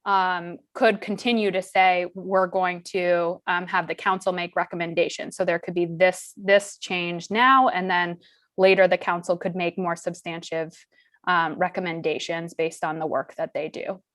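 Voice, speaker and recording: A woman testifying before a legislative committee, explaining options in a measured way with frequent ums. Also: on the low side, steady tone, fairly bright tone, no room sound.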